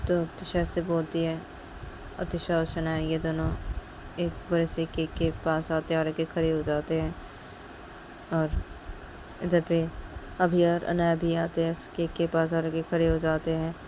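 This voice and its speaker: A woman's voice: deep voice, completely flat delivery, measured pace, darkish tone, slight background noise, low-quality recording. A woman narrating a romance story in a plain, conversational way. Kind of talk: casual spoken story narration.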